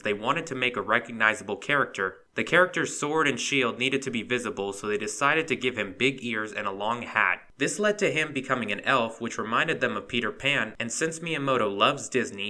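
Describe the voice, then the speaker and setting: Man, scripted narrator, very bright and sharp voice, medium pitch, brisk, dry sarcastic asides. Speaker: fun-facts video narrator.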